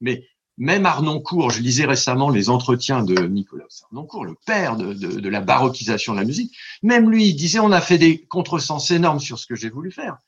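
Man, scholarly guest, husky slightly high voice, dull lo-fi sound, rambling and stammering. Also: fairly quick. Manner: digressive, stammering restarts, lively demonstrations of recited verse. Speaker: translator and scholar of ancient Greek. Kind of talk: radio interview, explaining at length.

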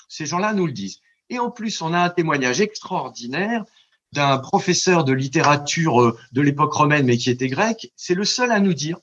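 Man, scholarly guest, husky slightly high voice, dull lo-fi sound, rambling and stammering. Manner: digressive, stammering restarts, lively demonstrations of recited verse. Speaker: translator and scholar of ancient Greek. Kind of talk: radio interview, explaining at length.

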